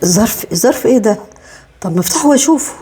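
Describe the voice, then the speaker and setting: An actress playing an older Egyptian mother who lament in shock and repeats herself, with a husky voice. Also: fairly high pitch, expressive, rapid-fire, mellow, a little hiss or hum, close to an everyday voice. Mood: distraught. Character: distraught older mother, betrayed and homeless. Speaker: mother evicted by her son. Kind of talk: web drama acting.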